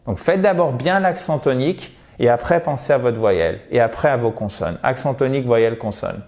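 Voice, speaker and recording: A man's voice: medium pitch, darkish tone. Male teacher giving a video lesson on pronunciation, encouraging and direct with viewers. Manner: slow, drawn-out English model words.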